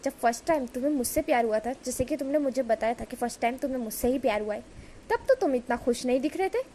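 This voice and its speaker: A woman plays a suspicious young man who keeps interrogating his partner. His voice sits high and turns insistent as he fires off question after question. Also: animated, fast talker, warm tone, slight background noise. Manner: interrogating, probing.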